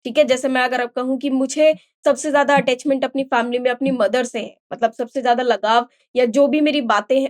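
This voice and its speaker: A woman with an Indian accent and a high voice teaches a vocabulary lesson. She explains each word step by step, asks the class questions and answers them herself. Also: darkish tone.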